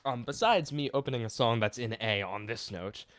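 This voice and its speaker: A man's voice: medium pitch, normal speed, a bit bright. A singer-songwriter man casually breaking down his own songs, rambling and cutting himself off as he plays keyboard and guitar. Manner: rambling, self-interrupting, laughs at himself; stops and restarts to play keyboard and guitar.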